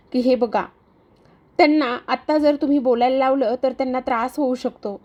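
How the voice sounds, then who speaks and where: Woman as a doctor, calm and instructive, high voice, dull lo-fi sound. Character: calm doctor giving advice.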